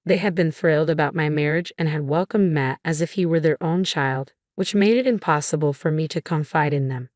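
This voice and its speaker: A woman reading a first-person family drama story in an even, measured way. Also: low-pitched, dry recording, clean studio sound. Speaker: narrator.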